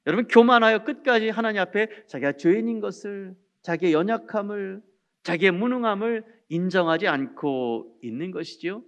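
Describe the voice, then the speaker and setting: Man, pastor, sermon, earnest, addresses the congregation, high voice. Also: lively intonation, normal speed, a bit bright, lo-fi sound.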